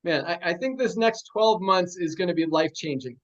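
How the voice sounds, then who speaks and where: High-pitched guy hosting a company call, super hyped rally talk, muffled lo-fi sound. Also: lively intonation, brisk. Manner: hyped, chanting rallying cries. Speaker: host of a company sales call. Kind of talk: motivational rally speech.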